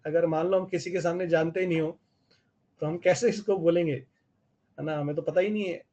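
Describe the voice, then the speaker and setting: A man's voice: a little high, fairly even intonation, moderate pace, dark tone. A man with an Indian accent teaching geometry in an online class, explaining step by step and checking in with his students. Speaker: math teacher. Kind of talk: online live class lecture.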